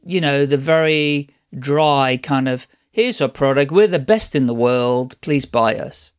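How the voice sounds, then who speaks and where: A man's voice: medium pitch, measured pace, clean tone. A middle-aged man from the Netherlands, a podcast guest chatting at length about his life in a rambling, restarting way. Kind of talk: casual interview storytelling.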